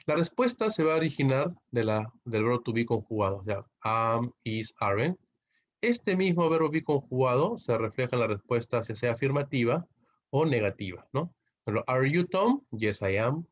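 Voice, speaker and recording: A man with a Peruvian Spanish accent teaching an English grammar lesson online, explaining step by step and checking in with frequent tag questions. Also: medium pitch. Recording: dull lo-fi recording.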